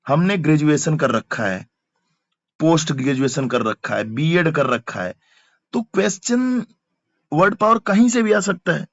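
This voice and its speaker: A man's voice: a little high, animated, a little slow, dry recording. Man, teacher, repeats words, dry, muffled lo-fi sound. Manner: explains word by word, repeating terms and asking for comments. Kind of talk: online exam-prep lesson.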